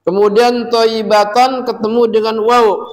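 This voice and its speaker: A male Quran teacher with a rather high voice leads a recitation lesson. He talks at an unhurried pace, patiently quizzes his students, and drags out the verses as he chants them. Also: little pitch movement, poor audio.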